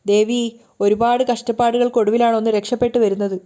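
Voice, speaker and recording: A woman reading the lines of a sharp-tongued, suspicious older woman in a TV serial recap. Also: fairly high pitch, level tone, brisk, natural voice. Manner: suspicious, muttering.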